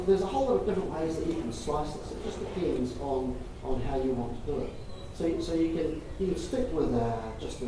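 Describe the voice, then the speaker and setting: A man giving a public talk and taking questions, speaking in a measured way and repeating phrases for emphasis. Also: a little high. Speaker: presenter taking audience questions. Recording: echoey room, distant mic, noisy.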